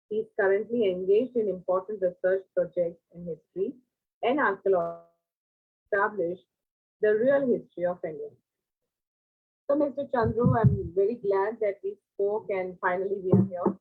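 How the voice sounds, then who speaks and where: A woman's voice: medium pitch, husky. A woman hosting a live talk, reading the guest's introduction and asking questions politely, stumbling now and then. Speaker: host. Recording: thin phone-like line.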